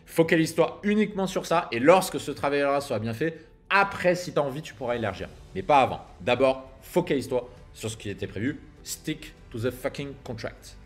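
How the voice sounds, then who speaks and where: A man gives business advice outdoors at sunset, filming himself as he talks. His delivery is punchy and emphatic, with slang and a few swear words thrown in. Soft music plays quietly behind him. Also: medium pitch. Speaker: business coach for copywriters. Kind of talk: casual advice monologue to camera. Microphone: camera filming himself.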